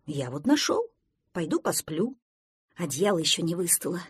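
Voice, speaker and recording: A woman voicing a sleepy, gloomy storybook creature who speaks quietly and drowsily. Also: on the low side, sing-song, normal speed, breathy edge, full character voice.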